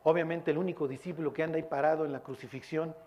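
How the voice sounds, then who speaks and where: A man preaching a sermon, telling stories in an animated way and acting out the quotes. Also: a little high, rapid-fire.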